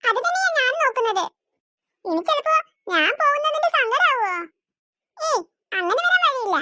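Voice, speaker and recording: A cheerful young cartoon bride, voiced by one performer, chatty and teasing. The voice is very high and bright, with a dry close sound. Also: very animated, moderate pace, no room sound, full character voice. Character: kind young bride, cheerful adult woman. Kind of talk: Malayalam cartoon voice acting.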